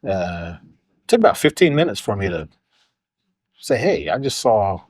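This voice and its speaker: A man's voice: on the low side, big pitch swings, measured pace, a little mellow, no room sound. A middle-aged man from Oklahoma, a podcast guest telling stories in a casual, rambling way full of fillers. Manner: rambling, lots of uh and you know. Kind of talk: casual storytelling.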